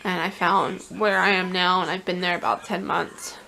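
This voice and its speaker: A woman's voice: on the low side, level tone, normal speed, gravelly, bright, forceful tone. Young woman vlogging about work stress, gets teary and rambly, faint hiss behind her. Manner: emotional, tearful, rambling with restarts. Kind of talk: casual confessional vlog.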